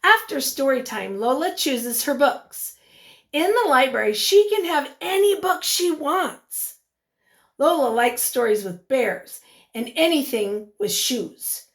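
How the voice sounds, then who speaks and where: A teacher, female, reads aloud from a picture book to young listeners, pausing to pose questions. Her high voice is expressive throughout.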